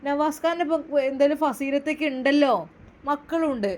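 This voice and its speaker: A woman's voice: high voice, fairly even intonation, a little fast, a little mellow, voice pushed up, lightly acted. A woman voicing a grown daughter who soothes and reasons with her mother. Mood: soothing.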